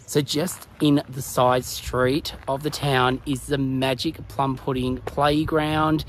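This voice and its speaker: On a walking tour vlog of a country town street, an Australian man in his thirties talks slowly in a medium-pitched, level voice. He's chatty and relaxed, explaining things as he films on a phone at arm's length, and the poor audio picks up outdoor street noise.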